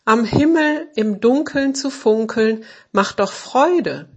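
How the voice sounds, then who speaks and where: A woman's voice: fairly high pitch, animated, slow pace, a little mellow, husky, voice pushed up, exaggerated voice. A woman doing breezy, careless star angels. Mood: puzzled. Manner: breezy, dismissive. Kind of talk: storybook reading.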